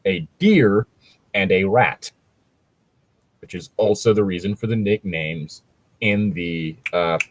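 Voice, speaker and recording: A man co-hosts a show where fan fiction is read and discussed, chatting and commenting casually in a low-pitched voice. He speaks slowly with frequent pauses, explaining things in a rambling, sweary way, and there's no room sound.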